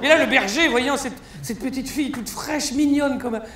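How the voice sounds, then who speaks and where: A man's voice: very high-pitched, moderate pace, noisy background. Man, stand-up comedian, mocking crude storyteller, roomy live stage sound, faint ambience. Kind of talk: satirical stand-up press review. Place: large concert hall stage.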